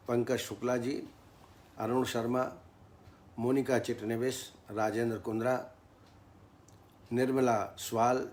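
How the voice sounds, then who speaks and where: A man teaching Ayurveda in a formal lecture, speaking in a measured tone and reciting Sanskrit verses. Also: medium pitch, darkish tone.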